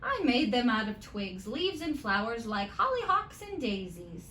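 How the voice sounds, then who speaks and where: A woman puts on an encouraging storybook grandmother. She sounds nostalgic and emphatic, pitched high. The sound is roomy. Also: big pitch swings, unhurried, fairly bright tone, a little hiss or hum. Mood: nostalgic, proud. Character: encouraging old grandmother recalling olden days.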